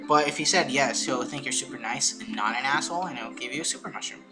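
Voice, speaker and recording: A man's voice: medium pitch, fast. A man giving casual, joking commentary over a video game, with offhand mumbled asides. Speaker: let's play commentator. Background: game music.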